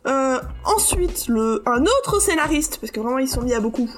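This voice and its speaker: A woman's voice: high voice, sing-song, moderate pace. A woman presenting her research on a podcast in a hesitant way, with many fillers and restarts. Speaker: podcast co-host presenting research on comic creators. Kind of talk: casual podcast chat.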